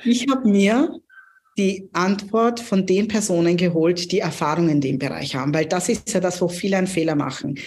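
A woman's voice: on the low side, moderate pace, darkish tone, a little hiss or hum. A woman in her thirties, originally from Pakistan, telling her career story as a podcast guest in an earnest, reflective way with frequent hesitations. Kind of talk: interview storytelling.

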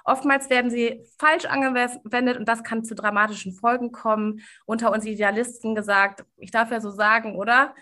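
A woman hosting a podcast who talks haltingly, often restarting and seeking agreement. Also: fairly high pitch, steady tone, sharp tone. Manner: hesitant, many fillers and restarts, asks for agreement. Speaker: podcast host. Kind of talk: podcast conversation.

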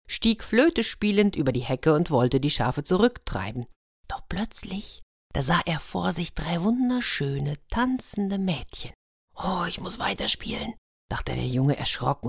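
A woman reading a German fairy tale aloud with lively, dramatic pauses. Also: deep voice, dry recording, clean studio sound. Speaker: storyteller.

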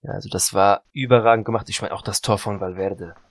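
A sleep-deprived man co-hosting a casual football podcast rambles along, frequently correcting himself and apologizing. His voice is lowish and steady, his pace quick, and the recording is dry and studio quality.

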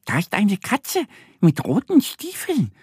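A wide-eyed little duckling girl, voiced by a man in a children's storybook recording. The voice sits very high and leaps all over the place, full of childlike wonder. The sound is close and dry. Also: wildly swooping pitch, slow pace, a little mellow, husky, dry recording, exaggerated voice. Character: little curious female duckling.

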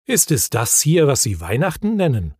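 A man voicing a calm, self-important troll father who speaks in a measured way in a storybook reading. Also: mid-range voice, slightly rough, no room sound, studio quality. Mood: wondering.

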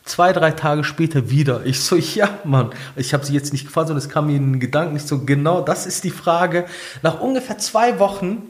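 A guest tells his life story casually, acting out quoted dialogue in shifting voices and filling his colloquial speech with fillers and "ich so." His voice is on the high side, lively in intonation, and a little fast.

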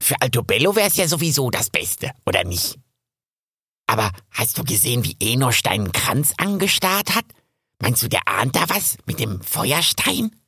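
A man's voice: mid-range voice, big pitch swings, normal speed, bright, forceful tone, slightly rough, dry recording, studio quality, heavily acted. A man voicing a chatty, cheerful squirrel in a storybook, talking in a choppy, rambling stream.

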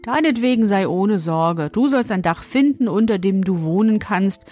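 A woman narrator voices a mysterious storybook old woman who is stern and commanding yet kind underneath, delivering her lines in a firm tone. Her natural, mid-range voice has a darkish color, lively intonation and a moderate pace, with soft music playing behind her.

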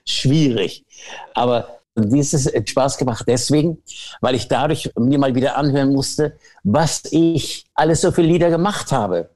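A man's voice: mid-range voice, a little slow, darkish tone. An older man, a guest on a podcast, telling long rambling stories with restarts and self-deprecating asides. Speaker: award-winning guest. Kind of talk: casual anecdotal chat.

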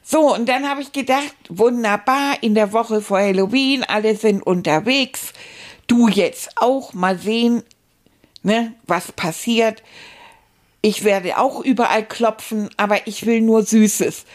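Cheeky chatty rat puppet played by a woman, high and unhurried, for children's stories. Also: natural voice. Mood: eager storytelling. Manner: playful, exclamatory, boastful, chatty. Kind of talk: children's storytelling as a puppet character.

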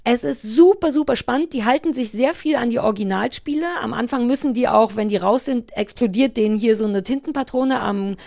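A woman in her thirties co-hosting a podcast, with a gravelly, fry-edged voice pitched somewhat high. She chats casually and gushes with excitement, slipping English phrases into her talk. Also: fairly quick, hardly any pauses. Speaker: podcast co-host. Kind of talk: casual chat.

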